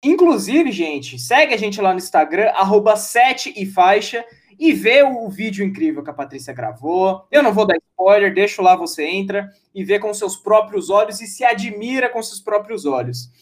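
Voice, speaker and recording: A man's voice: sits high, animated, normal speed. A man with a Brazilian Portuguese accent hosting a casual sports podcast, chatty and jokey, often restarting and drifting off topic. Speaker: podcast host.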